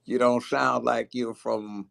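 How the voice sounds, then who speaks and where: A man's voice: medium pitch, little pitch movement, slow, gravelly, fairly bright tone. A man hosting a call-in talk show, casually interjecting and repeating himself to get a word in.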